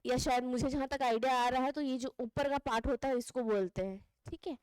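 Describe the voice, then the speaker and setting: A woman's voice: high-pitched, fairly even intonation, brisk, a little mellow, clean tone, dry recording, faint music behind, rough recording. A woman teaching an English lesson, asking questions and answering them herself. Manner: asks questions and answers them herself, ends points with "theek hai". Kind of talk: classroom lesson explaining grammar.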